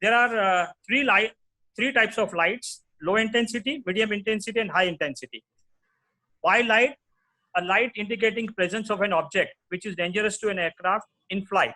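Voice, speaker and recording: A man with an Indian accent delivers a prepared company presentation. His voice sits high for a man and has a bright, forceful edge. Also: low-quality recording.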